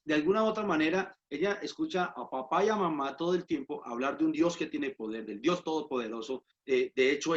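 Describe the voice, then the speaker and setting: Earnest pastor dad telling stories. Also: male voice, a little high. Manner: storytelling, earnest, halting with fillers. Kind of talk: casual family chat. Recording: dull lo-fi sound.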